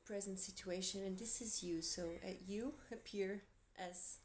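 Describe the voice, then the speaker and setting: Speaking at a measured pace in a mid-range, slightly mellow voice with fairly even intonation, this Portuguese tarot reader chats casually to camera. Her reading wanders, punctuated by light laughs and a Portuguese accent. There's a little hiss or hum in the background.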